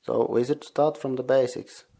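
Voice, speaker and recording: A man's voice: mid-range voice, steady tone, creaky, mellow. A man with a Finnish accent, hosting a podcast, teaching Finnish words for board gamers syllable by syllable, recorded in a sauna. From Finland. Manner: patient, slow, spells out syllables. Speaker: podcast host. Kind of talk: language lesson for board gamers. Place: sauna, indoors, not heated.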